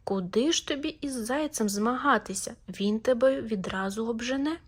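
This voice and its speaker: A woman's voice: fairly high pitch, moderate pace, slightly rough. A woman voicing a sensible female hedgehog, the hero's wife, in a storybook, sounding incredulous.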